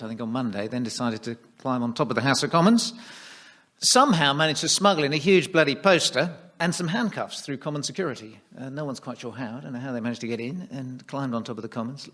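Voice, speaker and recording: A male comedy panelist rambles through a wry riff. He talks quickly. He sounds like he is chatting. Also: medium pitch, a bit bright. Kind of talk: comic panel banter.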